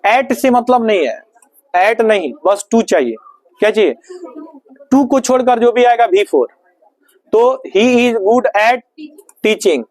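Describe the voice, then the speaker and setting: A man's voice: sits high, a little mellow, no echo, rough recording. A male teacher running a grammar lesson in a classroom, firing repeated questions at his students.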